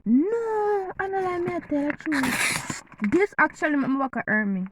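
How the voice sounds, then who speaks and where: Speaking in a high-pitched, animated, slightly slow way, this Jamaican-accented vlogger teases her camera audience while eating. Background noise can be heard.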